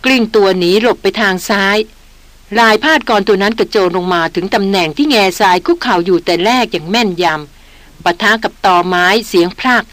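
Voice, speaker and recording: A woman narrates an adventure novel in a measured, vivid storytelling voice. Her pitch sits in the middle of the range, and the recording is dry and close with no room echo. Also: a bit bright. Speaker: audiobook narrator.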